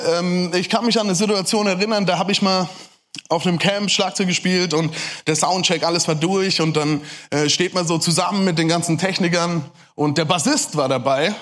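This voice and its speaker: A high-voiced man with a German accent preaches to a crowd at a quick clip. He talks to his listeners directly, tossing them questions as he goes. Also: fairly bright tone. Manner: fast-talking, addresses the audience directly. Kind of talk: lively sermon talk to a crowd.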